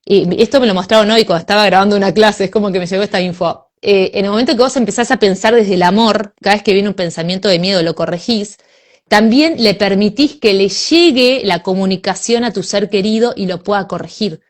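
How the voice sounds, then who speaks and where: A woman with a Rioplatense Spanish accent in a casual spiritual conversation, animated and acting out inner voices with sighs. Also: medium pitch, a little fast.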